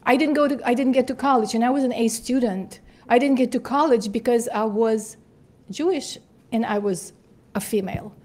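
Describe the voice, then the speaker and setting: A woman's voice: a little high, normal speed. Woman. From Ukraine. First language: Russian. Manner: animated storytelling. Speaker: guest speaker. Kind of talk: answering student questions.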